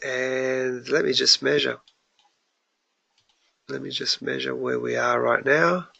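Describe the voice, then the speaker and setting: Congested man with gravelly voice. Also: medium pitch, fairly even intonation, slow pace, bright, forceful tone, no room sound, lo-fi sound. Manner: informal, restarts mid-sentence, addresses viewers as guys. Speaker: forex trading analyst hosting a weekly webinar. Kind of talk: live webinar market walkthrough.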